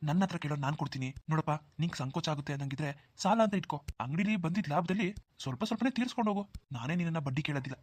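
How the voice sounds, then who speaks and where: A man voicing a well-off, generous young village man in a cartoon, who talks briskly and hushes others' worries. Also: fairly high pitch, expressive, husky, no echo. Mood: reassuring. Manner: brisk, dismissive of worries, hushing. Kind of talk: Kannada cartoon dubbing.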